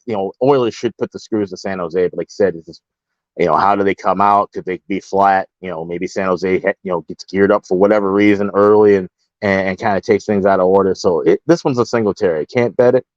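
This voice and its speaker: A man co-hosting a sports betting podcast, chatting in a relaxed, joking way with restarts. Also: deep voice, fairly quick, no echo, muffled recording. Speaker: podcast co-host. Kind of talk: casual betting talk.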